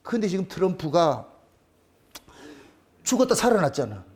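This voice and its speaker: Male pastor, very high and lively delivery, emphatic, plain-spoken, repeats key lines. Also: moderate pace. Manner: blunt, colloquial, crude at times. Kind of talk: sermon. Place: church.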